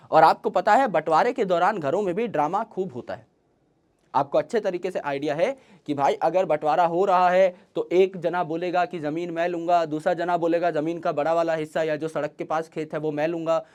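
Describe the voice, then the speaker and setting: A male teacher explains biology to students in an online class. He keeps asking rhetorical questions and answers them himself, and he slows right down whenever he dictates an English definition. He also brings in homely comparisons from everyday life. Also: on the high side. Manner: mixes English terms into Hindi explanation; uses folksy everyday comparisons.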